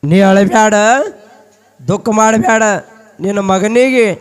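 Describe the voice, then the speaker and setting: A man's voice: high voice, slow pace, clean tone. Man as a reassuring messenger. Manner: loud, reassuring. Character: male messenger consoling a weeping mother.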